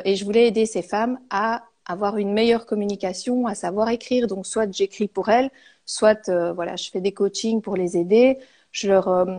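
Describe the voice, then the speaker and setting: A Belgian copywriter in her thirties is a guest in an interview, answering hesitantly with many fillers. Her voice is mid-range and mellow.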